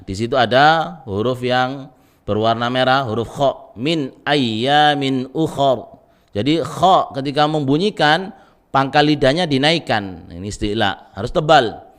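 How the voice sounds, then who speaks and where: Unhurried Indonesian male teacher, smooth resonant voice, patient drilling with chanted examples. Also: medium pitch. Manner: patient, repeats syllables slowly, frequent "ya" tags, chants example verses. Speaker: Quran recitation teacher. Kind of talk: recorded tajwid lesson.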